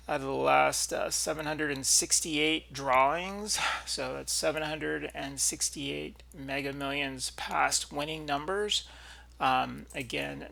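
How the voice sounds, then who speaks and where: A man hosting a video with casual, unscripted commentary, speaking haltingly and often clearing his throat. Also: fairly high pitch, sharp tone. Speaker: video host.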